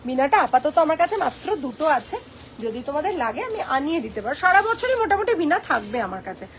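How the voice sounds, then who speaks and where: Woman, high voice, live-stream sales chat, playful and teasing, code-switching to English. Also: sing-song, fairly quick, slight background noise.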